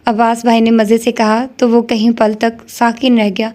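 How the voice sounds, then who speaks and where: A woman narrating a novel in a steady, measured reading. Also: a little high. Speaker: audiobook narrator.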